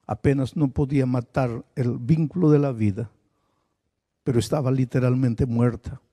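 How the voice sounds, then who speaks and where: A man's voice: medium pitch, steady tone, normal speed, mellow. A male preacher delivering a sermon, telling a story with dramatic storytelling emphasis. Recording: echoing large hall with long reverb.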